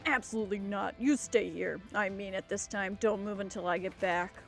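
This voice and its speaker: A woman's voice: medium pitch, moderate pace, creaky, faint music behind, close to an everyday voice. A woman reading aloud the lines of an impatient male police detective, brusque and commanding. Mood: urgent. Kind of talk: reading game dialogue aloud.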